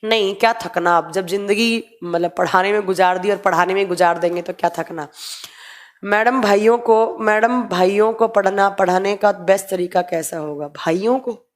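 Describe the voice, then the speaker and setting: A young woman teaching biology in a live online class, reading students' chat questions aloud and answering them briskly while mixing in English terms. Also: mid-range voice. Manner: mixes Hindi with English terms, brisk and matter-of-fact.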